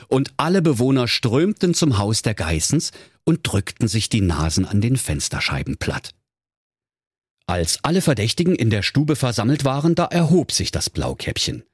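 A man's voice: fairly low pitch, slightly rough, no room sound, studio quality. A man telling a comic fairy-tale parody in a playful, theatrical way. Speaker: narrator.

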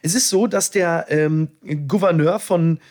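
Guy chatting on a podcast, kinda high voice, breathy, ironic and dry. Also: unhurried, a little mellow. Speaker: podcast co-host. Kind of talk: casual chat.

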